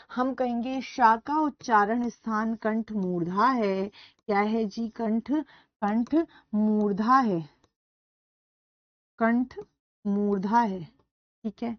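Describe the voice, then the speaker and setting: Woman teacher running a live online class, loud and drilling, close dry mic with lo-fi sound. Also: on the high side, takes it slowly, long pauses, no room sound. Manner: repeats questions and answers to students, calls them beta; loud speaker. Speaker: Hindi grammar teacher.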